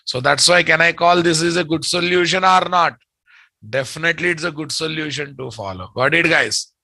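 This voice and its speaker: An Indian man with a Telugu accent lectures students on programming. His voice is bright, hard-edged and a little high, captured close and dry. He drives points home by repeating them and firing questions at his listeners. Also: fairly quick, creaky, dry recording. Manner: emphatic, repeats statements and quizzes listeners. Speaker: programming teacher.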